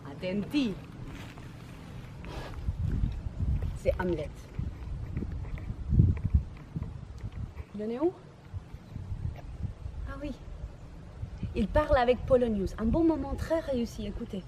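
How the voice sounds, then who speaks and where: An actress in a theatrical monologue, playing a bitter, mocking Irish woman who rants against the English with crude sarcasm and sudden shouted outbursts. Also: fairly high pitch, animated, moderate pace, pauses often, lightly acted. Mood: scornful. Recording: noisy camcorder recording.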